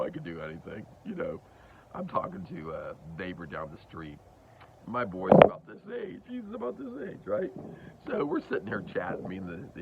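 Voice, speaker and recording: A man in his fifties telling a candid personal story about his kids, animated, with big jumps in pitch. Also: gravelly. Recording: dull lo-fi recording with faint hiss.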